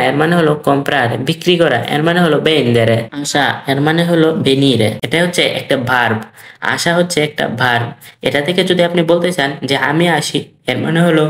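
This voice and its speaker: A language teacher giving a lesson, slowly repeating each word and stretching out the practice phrases. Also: medium pitch. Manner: slow and repetitive, drilling each word twice. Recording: roomy echoey room.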